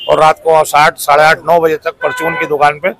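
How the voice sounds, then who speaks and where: A man's voice: fairly high pitch, completely flat delivery, moderate pace, vocal fry, fairly bright tone, a little hiss or hum, poor audio. A man in his fifties, head of a fish market, earnestly promoting it in a street interview at an outdoor market, talking into a handheld mic. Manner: earnest, promotional, lists items in a raised voice. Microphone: handheld lapel mic held up to mouth.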